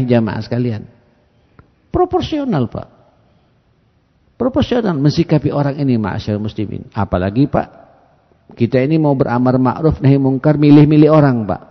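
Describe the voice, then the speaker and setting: A male preacher giving a mosque sermon, constantly addressing the congregation as "Pak" and moving between loud emphasis and soft, low asides. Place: large mosque hall. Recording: dull echoey mosque PA recording.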